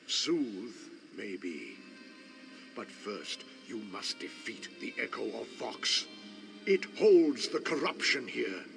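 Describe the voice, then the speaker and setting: A man's voice: fairly low pitch, big pitch swings, slow, vocal fry, music in the background, full character voice. An actor playing a solemn, defiant townsman spirit in a fantasy game, with a grave theatrical delivery. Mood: grave, bitter. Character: solemn, defiant townsman spirit telling his town's ruin. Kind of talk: dramatic fantasy game voice acting.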